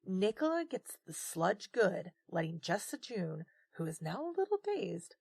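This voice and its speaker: Woman game master, breathy, lively pitch, dry close sound. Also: unhurried, no room sound. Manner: descriptive, dramatic narration. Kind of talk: narrating a tabletop game.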